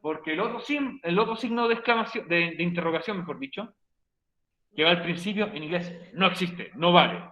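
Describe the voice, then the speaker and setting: Bright-voiced playful male teacher, roomy lo-fi. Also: sits high, brisk. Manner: playful, joking with students; repeats key points for the class. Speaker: English teacher. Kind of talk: online class explanation in Spanish. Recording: roomy, dull lo-fi stream audio.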